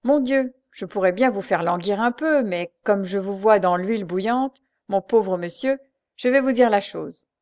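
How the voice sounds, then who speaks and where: A woman's voice: mid-range voice, darkish tone, lightly acted. A woman reading aloud and voicing a sly male police agent who teases and drags things out. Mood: teasing. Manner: teasing, unhurried, mocking.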